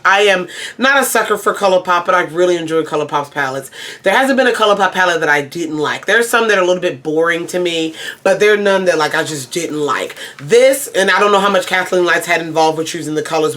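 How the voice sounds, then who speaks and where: A woman with a slightly low voice talks through a casual beauty review. She rambles in a chatty way, doubling back on her own sentences and repeating phrases as she goes. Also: fairly bright tone. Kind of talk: casual makeup review to camera.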